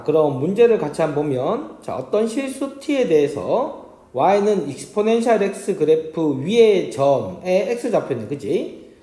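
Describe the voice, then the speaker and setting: A man teaches an exam math problem in a slightly high, lively voice that rises and falls a lot. He draws at the board as he talks and keeps checking in with his students through quick tag questions. The sound is roomy, with a noticeable echo from the classroom. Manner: talks while drawing graphs on a board. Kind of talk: exam problem walkthrough lecture.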